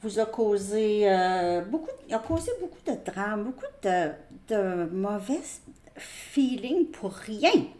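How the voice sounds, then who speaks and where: A woman's voice: medium pitch, very animated, slow, dark tone, reverberant. A woman with a Québécois French accent giving a casual tarot reading. She talks to her viewers in a chatty way and repeats herself. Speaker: tarot reader.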